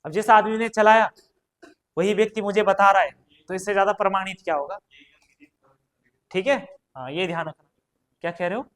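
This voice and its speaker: High-voiced man drilling exam questions. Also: fairly quick, pauses often. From Uttarakhand, India. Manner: quizzing, repeats questions and answers; chatty, addresses students directly. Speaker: exam coaching teacher. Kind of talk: exam prep lesson.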